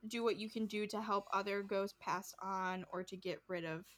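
A woman's voice: medium pitch, normal speed. Chatty woman recapping a ghost show. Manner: animated, acts out quotes, swears casually. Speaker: podcast co-host. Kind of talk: casual chat recapping a show.

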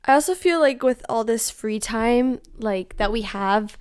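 A woman's voice: a little high, unhurried, a little mellow, smooth, no echo, studio quality. A young woman vlogging from home in a casual, rambling way, filling nearly every phrase with "like". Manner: rambling, filler-heavy, says "like" constantly. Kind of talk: casual confessional chat.

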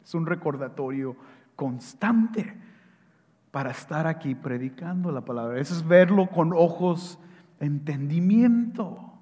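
High-voiced man preaching in a reverberant church. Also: lively intonation. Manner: emphatic preaching with wide swings in loudness; reads scripture aloud slowly and solemnly. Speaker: pastor. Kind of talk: sermon. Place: church sanctuary at a pulpit.

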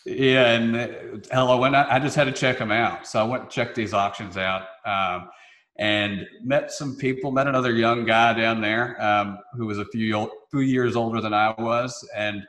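Man, young adult, Southern hillbilly accent, mid pitch, casual podcast guest, joking, roomy echo. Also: steady tone, moderate pace, fairly bright tone. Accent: Southern US twang. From Memphis, southern United States. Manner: folksy, joking, informal. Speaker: podcast guest, real estate investor. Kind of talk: casual anecdotal interview talk. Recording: roomy, echoey sound.

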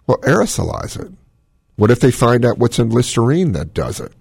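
Very animated and slightly mellow, this man's smoky, gravelly mid-range voice belongs to a cardiologist who hosts a call-in radio show. At a moderate pace he lays out long, opinionated explanations in a clean studio recording with no echo.

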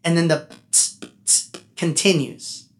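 A man, a musician guest on a casual podcast interview, talking in an animated, chatty way that turns heartfelt. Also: a little high, takes it slowly, soft background music. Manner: animated, talkative, gets emotional.

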